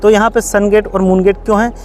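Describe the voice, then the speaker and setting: A man's voice: sits high, flat delivery, fast talker, soft background music. A man working as a tour guide, explaining things to visitors outdoors in a chatty, lecturing way. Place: outdoors at a historic palace.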